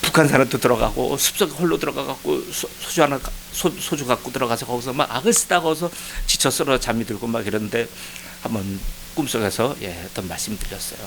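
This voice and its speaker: A man pastor preaching a sermon as a personal testimony, his voice shifting from hushed reflection to loud, pleading cries. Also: mid-range voice, fast talker, vocal fry, hardly any pauses, a little hiss or hum, rough recording. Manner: emotional testimony, swings from quiet to loud pleading. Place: church sanctuary.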